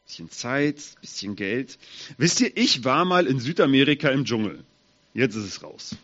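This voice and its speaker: A man giving a children's sermon in a slightly husky voice, asking his listeners direct questions. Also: medium pitch, animated, normal speed, a bit bright, muffled recording. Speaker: preacher for children.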